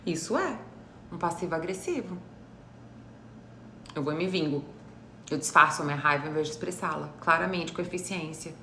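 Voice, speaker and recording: A woman's voice: low-pitched, animated, normal speed, pauses often, bright, forceful tone. A woman psychologist with a Brazilian Portuguese accent gives a live explanatory talk, teacherly and often checking that her listeners follow. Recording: roomy echo with faint noise.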